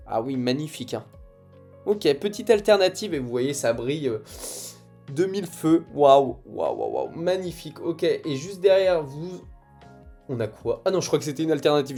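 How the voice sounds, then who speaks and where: A young man giving casual commentary as he opens trading card packs, reacting excitedly to each card as it comes. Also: a little high. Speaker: card collector opening booster packs. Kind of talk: casual pack-opening commentary.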